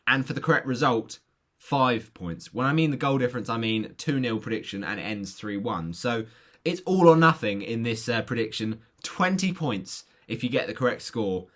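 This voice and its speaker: Guy doing football predictions for his viewers, voice hoarse and giving out, chatty and informal. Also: medium pitch, lively intonation, normal speed, fairly bright tone.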